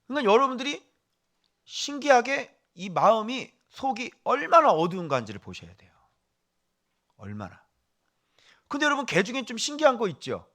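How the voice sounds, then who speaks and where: A male pastor preaching a sermon, animated and firing questions at the congregation, dropping to a hush for asides. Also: extremely high pitch, moderate pace, long pauses.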